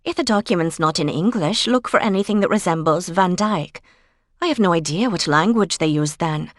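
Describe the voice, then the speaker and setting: A woman narrator voicing a brisk, practical woman researcher in a cozy mystery audiobook, businesslike and chatty. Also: fairly low pitch, animated, no echo, clean studio sound, lightly acted. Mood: brisk, explaining.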